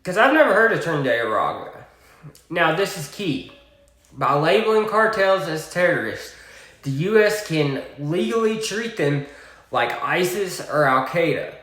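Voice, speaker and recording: A man with a Southern US accent giving a political commentary monologue, deliberate, with sarcastic asides. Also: fairly high pitch, big pitch swings, a bit bright, echoey room.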